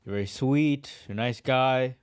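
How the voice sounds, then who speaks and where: A man's voice: medium pitch, moderate pace, clean tone, no room sound. A man hosting a comedy podcast in a studio, friendly and casual, laughing a lot and calling his guest dude and man. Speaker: podcast host.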